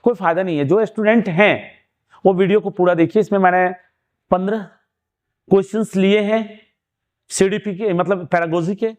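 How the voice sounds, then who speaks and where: A man's voice: sits high, fairly even intonation, moderate pace, long pauses, darkish tone. A man teaching an exam-prep lesson, explaining step by step and asking and answering his own questions. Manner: urging students to keep watching.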